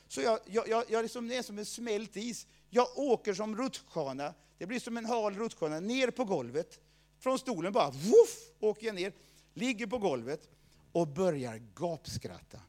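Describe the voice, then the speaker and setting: A man preaching a sermon, telling a personal story, swinging between loud outbursts and low asides.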